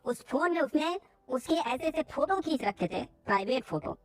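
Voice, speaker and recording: A woman's voice: sits high, animated, moderate pace, dry recording. A woman telling a story in a chatty, casual way, speaking straight to her listeners. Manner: chatty, addresses listeners as friends.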